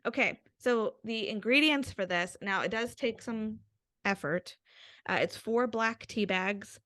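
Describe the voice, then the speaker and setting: A woman's voice: on the high side, measured pace, a bit bright, dry recording, clean studio sound. A young adult woman co-hosting a podcast with her mother, chatting casually and laughing often over a video call. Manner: giggly, chatty. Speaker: podcast co-host. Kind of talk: casual chat.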